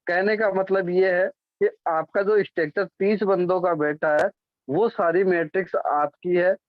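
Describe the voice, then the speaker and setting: High-voiced man explaining a plan. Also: fairly even intonation, unhurried. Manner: repeats "ठीक है?" to check on listeners, corrects himself often. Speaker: presenter explaining a business plan. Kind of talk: explanatory presentation. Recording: dull, dry lo-fi sound.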